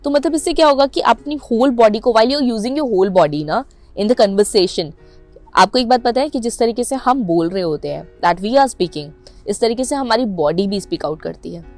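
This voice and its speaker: A woman's voice: on the high side, animated, moderate pace, faint music behind. A young adult Indian woman teaching public speaking to camera, mixing English into Hindi with an Indian English accent and stressing her words emphatically. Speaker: anchoring and public speaking coach.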